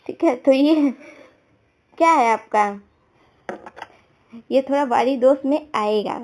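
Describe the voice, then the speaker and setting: A woman's voice: high voice, takes it slowly, a little mellow. A woman teaching exam prep, talking through answer options, often checking understanding with everyday examples. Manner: repeats "theek hai" to check understanding. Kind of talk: explaining exam questions.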